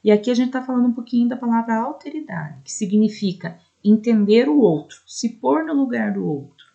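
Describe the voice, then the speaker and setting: Brazilian woman teacher, fairly high voice with some fry, patient explainer for adult learners. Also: expressive, mellow, highs cut off. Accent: Brazilian Portuguese. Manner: explanatory, frequent "né?" checks, spells out syllables slowly. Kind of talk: recorded lesson for adult students.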